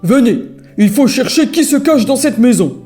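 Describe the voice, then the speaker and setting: A woman's voice: a little high, lively intonation, moderate pace, dark tone, soft background music, voice pushed up, natural voice. A woman playing a grumbling, displeased big bear. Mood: grumpy. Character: big grumpy father bear.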